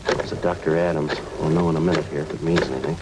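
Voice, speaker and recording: Deep, clipped, deadpan male police sergeant, terse and factual, vintage radio crime drama. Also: fast, very noisy. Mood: businesslike. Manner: deadpan, clipped, matter-of-fact. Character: terse, businesslike male police sergeant narrating his case. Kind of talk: 1950s radio drama acting, clipped narration and dialogue. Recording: old-time radio recording with music.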